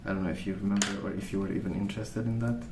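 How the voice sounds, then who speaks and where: A young man rambles softly in a lowish voice, an ASMR creator in an unhurried, gentle mood, almost as if thinking out loud. His intonation stays fairly even. The room echoes, and background noise is clearly audible.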